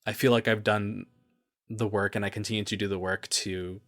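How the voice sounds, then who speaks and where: A man's voice: on the low side, little pitch movement, moderate pace, a bit bright. A man hosting a personal podcast, speaking in an earnest, reflective, openly emotional way with loose, rambling asides. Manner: loose, rambling asides between read passages. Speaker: podcast host.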